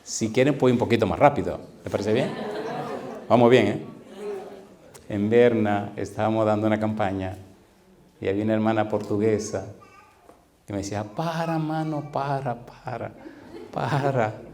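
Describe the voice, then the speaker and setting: A man in his fifties preaching a sermon to a live audience, often asking them questions and slowing down to stress scripture. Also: fairly low pitch, fairly even intonation, warm tone. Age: 50s. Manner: engages the audience with repeated questions; slows down to stress scripture readings. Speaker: pastor.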